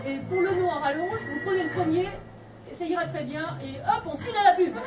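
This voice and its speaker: A woman's voice: very high-pitched, fairly quick. A woman playing a curt, impatient female theatre director in a live stage comedy, recorded from far off in a theatre. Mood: commanding. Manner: curt, commanding. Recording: echoey hall from far off, with music.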